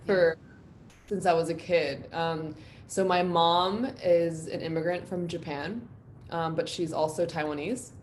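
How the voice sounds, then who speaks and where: Her voice fairly low and her intonation fairly even, a NYC guest musician speaks a little slowly in a casual live-stream interview. She's reflective and openly personal, her speech dotted with ums and likes, and there's a little hiss or hum.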